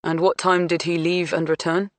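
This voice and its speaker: A woman reading an audiobook, voicing an earnest, easily flustered male detective who asks halting questions. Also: on the low side, level tone, dry recording, lightly acted. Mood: probing.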